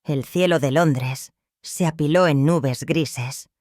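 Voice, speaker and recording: A text-to-speech voice narrating a melodramatic story in an even, machine-read manner. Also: medium pitch, slow pace, no room sound, clean studio sound.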